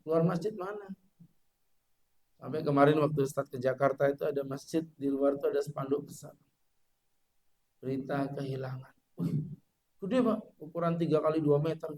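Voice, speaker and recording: A man preaching a mosque sermon in a lively, joking way, chanting short recitation examples. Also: on the high side.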